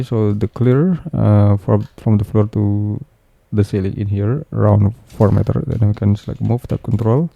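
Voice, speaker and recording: A man narrates a software tutorial step by step without a script, his phrasing halting and repetitive with frequent hesitations. His voice sits on the low side and sounds gravelly, and the recording has its highs cut off.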